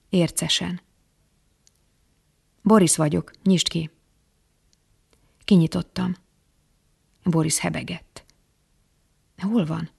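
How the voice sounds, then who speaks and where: Literary prose reader, very gravelly, creaky, hushed, often whispering, mid pitch.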